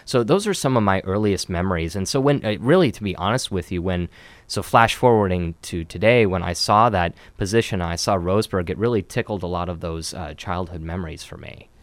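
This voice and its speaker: A man's voice: low-pitched, fairly quick, no room sound. A man from Oregon answering interview questions about his job as a city communications specialist, in an upbeat, chatty way with many fillers.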